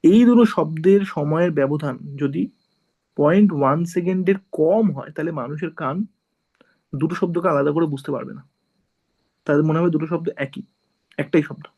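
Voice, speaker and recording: A man teaching an informal class, walking students through each point and pausing to check they follow. His voice is gravelly with a fry, and it sits a little above the usual male pitch. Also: a little mellow, rough recording. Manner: explains step by step, often checks with "ঠিক আছে?".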